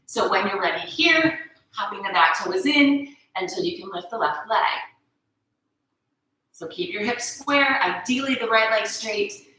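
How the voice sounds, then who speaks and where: Bright-voiced woman leading yoga in echo. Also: mid-range voice. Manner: calm, encouraging cues with frequent "right?" check-ins. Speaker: yoga instructor. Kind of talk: guided yoga class instruction. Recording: very echoey room.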